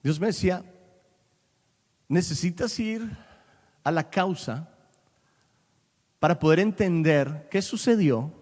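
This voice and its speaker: A male pastor delivers an animated sermon in a somewhat high voice, now and then slipping into English and climbing to loud, emphatic peaks. His voice rings with the long reverb of a large church hall. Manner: animated preaching, switching between English and Spanish, rising to loud peaks.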